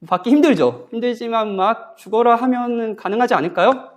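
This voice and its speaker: A man's voice: very high voice, brisk. A man, a guest pastor, preaching a sermon at a church Bible conference in a conversational way, often asking the congregation questions. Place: church sanctuary.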